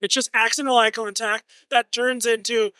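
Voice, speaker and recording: A man's voice: extremely high pitch, fairly even intonation, normal speed, bright, forceful tone, clean tone, dry recording. A man hosting a podcast interview, chatting casually and wryly, often agreeing with "right.". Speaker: podcast host.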